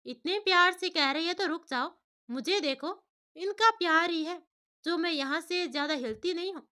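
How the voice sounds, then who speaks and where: A woman's voice: very high-pitched, normal speed, bright, forceful tone, voice pushed up. A woman voicing a cheeky, playful young woman who teases her best friend in a bubbly way. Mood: teasing. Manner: teasing, bubbly.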